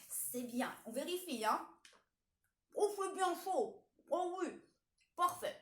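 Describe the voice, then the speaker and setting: A woman leads a children's music warm-up from her home, talking playfully and directly to her young audience. Her voice sits high and she takes her time. The room around her rings with echo. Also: lively intonation, slow. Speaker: children's show host.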